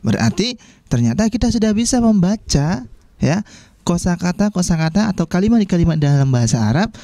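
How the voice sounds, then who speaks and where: Man, Arabic teacher, encouraging, animated pitch, mellow tone, dry sound. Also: brisk, no room sound. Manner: encouraging, frequent "ya" tags. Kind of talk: online class teaching.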